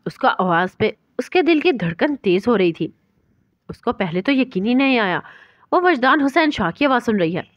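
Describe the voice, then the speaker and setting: A woman reads a romance novel aloud in a steady, even storytelling voice. Her voice sits fairly high. The recording is dry and a little dull, with no room sound. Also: no room sound. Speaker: novel reader. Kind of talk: scripted narration of a romance novel.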